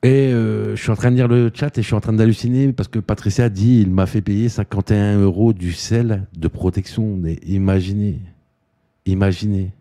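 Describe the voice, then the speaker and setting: A man's voice: fairly low pitch, fairly even intonation, moderate pace, dark tone. A man hosting an exposé, reading the chat aloud and accusing someone. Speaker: host of an exposé video. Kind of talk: commentary.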